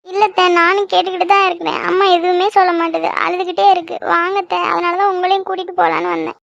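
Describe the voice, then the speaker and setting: A woman's voice: very high voice, little pitch movement, fast talker, creaky, a bit bright, no room sound, dull audio, heavily acted. A woman voicing a worried, tearful schoolgirl anxious about her mother in a cartoon. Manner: anxious, pleading.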